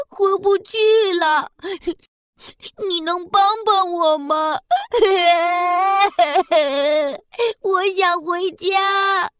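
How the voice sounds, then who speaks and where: A woman's voice: very high voice, a bit bright, no echo, clean studio sound, heavily acted. A woman voicing a small, earnest, childlike alien stranded on Earth in a children's audio story, with a plaintive manner. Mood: tearful, pleading.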